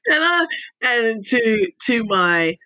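Her voice on the high side, bright and forceful, a middle-aged intelligence advisor and speaker chats casually on a podcast, frequently digressing as she recounts her story. She grew up across the Middle East, Europe and the US, which shows in her mixed British and American accent. The recording is dry.

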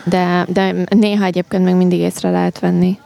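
A woman's voice: fairly low pitch, little pitch movement, creaky, warm tone. A woman talking in a casual, conversational style. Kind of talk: casual chat.

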